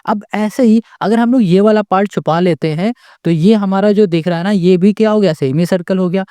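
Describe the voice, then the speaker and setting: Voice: mid-range voice, a little fast, mellow, clear, resonant tone, no echo. A maths tutor giving a step-by-step lesson. The tutor keeps asking the class rhetorical questions and checks in with "okay?" after each step, patiently restating points.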